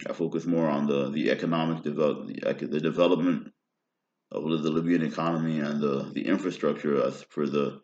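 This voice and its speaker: An American man in his thirties wanders through a personal monologue, frequently checking in with "right?". His voice is a rumbling low one, slightly mellow, with a level tone and a somewhat fast delivery. The recording is roomy, dull, and lo-fi.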